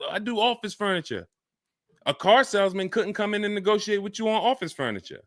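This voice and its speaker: A man hosting a live car-buying Q&A stream, talking fast and energetic and acting out buyers and salesmen in quick asides. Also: a little high, dry recording, studio quality. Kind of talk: live-stream Q&A, casual and animated.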